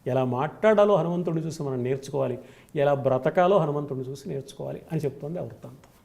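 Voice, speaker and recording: Give me a man giving a devotional discourse, high-pitched and gravelly, building points in rhythmic lists. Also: fast talker, a little mellow. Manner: emphatic, rhythmic lists of qualities. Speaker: spiritual scholar guest.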